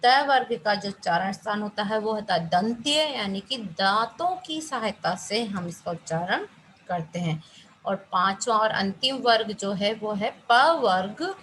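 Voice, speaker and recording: A woman's voice: medium pitch, animated, unhurried, a bit bright, a little hiss or hum, poor audio. A young woman teaching Hindi grammar to students, explaining patiently and answering her own questions. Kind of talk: classroom-style lesson to students.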